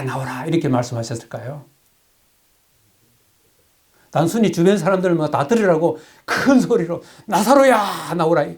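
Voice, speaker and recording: A man preaching a sermon in a high voice. He asks the listeners questions and then answers them himself. He reads scripture aloud slowly. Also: mellow. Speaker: pastor.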